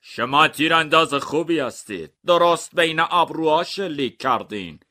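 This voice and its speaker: A plain grown man in a comic mystery story, voiced by the narrator himself, with a crisp, bright tone. He sits slightly above a normal male pitch. He asks his questions firmly and matter-of-factly. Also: expressive. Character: museum guard and inspector, plain grown men.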